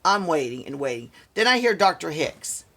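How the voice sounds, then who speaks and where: A man's voice: fairly high pitch, sing-song, normal speed, pushed and bright. A man in a casual vlog, telling an exasperated story and repeating himself. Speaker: vlogger. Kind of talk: casual ranting story to camera.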